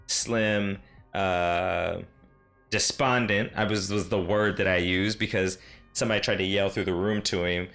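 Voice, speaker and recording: A man's voice: deep voice, steady tone, unhurried, creaky, a bit bright, faint music behind. A man serving as game master, casually recapping a tabletop session in a rambling, self-correcting way.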